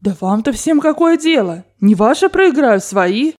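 Storybook part: woman reader doing a domineering elderly grandmother, blunt commands, pitched up, soft dark tone. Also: lively intonation, measured pace. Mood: bossy. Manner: commanding, brusque and loud. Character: imperious rich old grandmother, bossy and blunt. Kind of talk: audiobook character voice.

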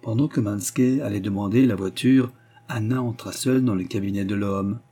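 A man giving a measured, expressive reading of a literary novel as an audiobook narrator. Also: on the low side, husky.

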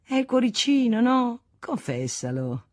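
A worldly young man teases his lovesick friend, drawing out his words and lilting up high. A woman plays him in an audiobook. The recording is dry and close. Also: sing-song, unhurried, darkish tone, no room sound. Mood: teasing. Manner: teasing, drawn out.

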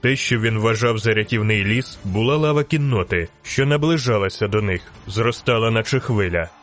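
A man reading a fantasy novel aloud in steady, scripted audiobook narration. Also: on the low side, normal speed, faint music behind.

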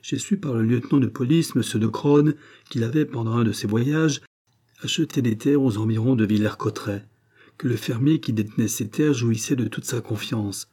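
Guy putting on a strained entranced young countess, pitched up a bit, husky dark tone. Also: moderate pace, natural voice. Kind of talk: audiobook character voice.

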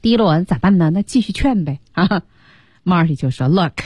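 Woman radio host teaching english, bouncy intonation, a bit husky, dry sound. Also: lowish voice, no room sound. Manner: lively, reads English lines slowly to demonstrate. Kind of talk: radio language lesson chat.

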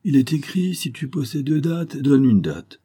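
A man voicing a crafty, mild old Turkish preacher who talks calmly and sometimes sighs. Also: medium pitch, measured pace, husky, pitched above the performer's own voice. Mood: musing. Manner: calm, sly, sometimes sighing.

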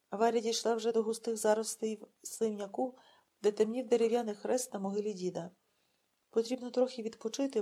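Жінка, виразна аудіокнижкова оповідь. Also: female voice, on the high side, mellow. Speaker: audiobook narrator. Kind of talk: literary audiobook narration.

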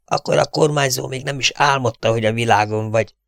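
A man's voice: mid-range voice, no room sound, clean studio sound, pitched above the performer's own voice, lightly acted. A man doing a wheezing, hissing mad outlaw. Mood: menacing. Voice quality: hoarse hissing whisper, wheezing throat voice. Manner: menacing, cackling, barking. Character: crazed vengeful outlaw father, raspy whisperer.

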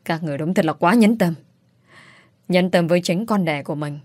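A woman voicing a bitter young woman who accuses her relatives in quick, sharp outbursts, in an audiobook. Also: lowish voice, no room sound, clean studio sound, natural voice. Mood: bitter, accusing. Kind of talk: audiobook character voice.

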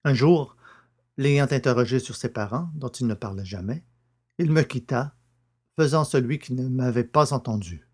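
A man giving a measured, steady scripted narration of a classic novel as an audiobook reader. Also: mid-range voice, husky. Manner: measured, steady literary reading.

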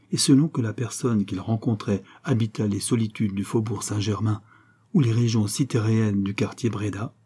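A man narrates an old novel with measured, literary phrasing. His voice is mellow and dark in tone. It carries a slightly husky edge. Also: mid-range voice. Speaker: audiobook reader.

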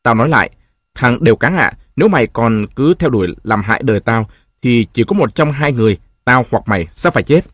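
A man's voice: medium pitch, lively intonation, brisk, no echo, clean studio sound, lightly acted. Man doing a scornful, furious young wife. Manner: sharp, scornful, heated.

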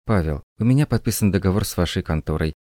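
A man voicing a composed young woman in an audiobook, speaking calmly and firmly. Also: low voice, no room sound, clean studio sound. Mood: lecturing. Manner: calm, measured, firm. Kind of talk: audiobook reading.

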